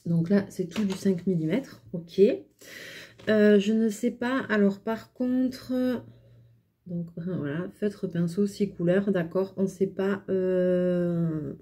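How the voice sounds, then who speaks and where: A young woman from France talks through a felt-pen review at an unhurried, drawn-out pace. Her voice is soft and mellow, and she fills pauses with frequent hesitations in a relaxed, chatty way. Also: medium pitch, husky. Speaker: craft vlogger reviewing pens. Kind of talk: casual product review.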